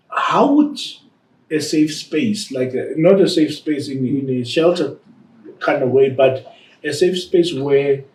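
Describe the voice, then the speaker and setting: A man's voice: mid-range voice, a little mellow. A man hosting a talk show, chatty and eager, backing up his guests with lots of "mm" and "yeah", recorded from a distant mic in a roomy space. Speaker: host, ward councillor.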